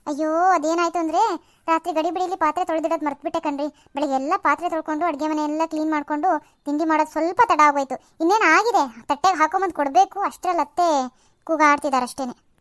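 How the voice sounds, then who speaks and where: Meek young wife. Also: female voice, sits high, fairly even intonation, quick pace, fairly bright tone. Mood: apologetic. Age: young adult. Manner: polite, apologetic, pleading. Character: young wife, meek and apologetic daughter-in-law. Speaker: cartoon voice actor. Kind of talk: cartoon serial acting.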